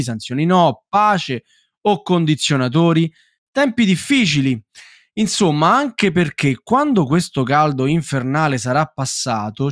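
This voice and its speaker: A man's voice: fairly high pitch, no echo, clean studio sound. A middle-aged man with an Italian accent hosting a casual board game quiz in a teasing, theatrical way. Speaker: quiz show host.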